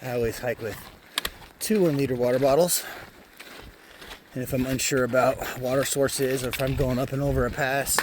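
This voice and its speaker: A man's voice: mid-range voice, steady tone, normal speed. A man chatting casually to his phone while hiking down a mountain trail. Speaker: hiker vlogger. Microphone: handheld phone. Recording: clear outdoor background noise.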